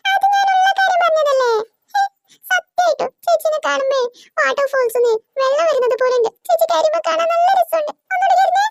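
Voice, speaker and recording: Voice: extremely high pitch, creaky, a little hiss or hum. A performer voicing a stubborn, teasing little boy in a cartoon who drags out his words. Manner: whiny, slow, cheeky.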